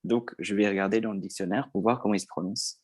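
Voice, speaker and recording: A man's voice: lowish voice, fairly even intonation, fast, slightly rough, no room sound. A man co-hosting a casual podcast, explaining things step by step with frequent hesitations. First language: not stated. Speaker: podcast co-host.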